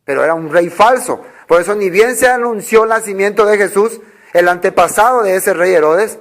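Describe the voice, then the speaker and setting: A man's voice: sits high, fairly quick. A male preacher giving a sermon, reading Bible verses aloud and explaining them, with many rhetorical questions he answers himself.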